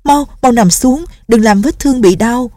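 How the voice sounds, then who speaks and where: A woman's voice: a little high, moderate pace, warm tone, no room sound, clean studio sound, voice pushed up, close to an everyday voice. A woman voicing a timid, tearful young nun girl who pleads anxiously and stammers. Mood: anxious pleading.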